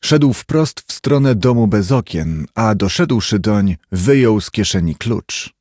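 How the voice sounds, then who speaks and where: A man narrating a classic novel in a steady, measured reading. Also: on the low side, no echo, studio quality. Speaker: audiobook narrator. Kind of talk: scripted narration.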